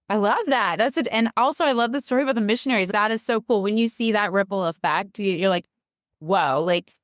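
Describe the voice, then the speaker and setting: Woman host on a faith podcast, chatty and excited, dry sound, middle pitch. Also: clean tone, no room sound. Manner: enthusiastic, chatty, laughs easily. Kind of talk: casual faith podcast conversation.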